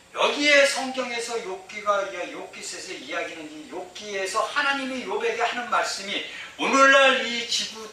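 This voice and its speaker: A man's voice: high voice, sharp tone. A man preaching a sermon as pastor, emphatic, repeating phrases and asking the congregation rhetorical questions. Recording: very echoey hall, mic far off, faint noise.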